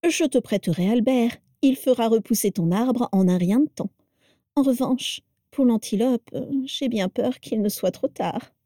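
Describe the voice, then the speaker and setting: A woman's voice: a little slow, no echo, clean studio sound. A woman voicing an exuberant, playful witch who teases and provokes, read in an audiobook. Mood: breezy. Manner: cheerful, teasing, high and bright. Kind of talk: audiobook character reading.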